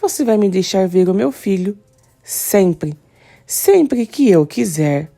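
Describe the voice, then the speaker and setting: Uma mulher lendo um italiano teimoso e firme. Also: female voice, medium pitch, sing-song, takes it slowly, creaky, warm tone, soft background music, exaggerated voice. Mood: firm. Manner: firm, insistent. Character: stubborn Italian immigrant man, firm.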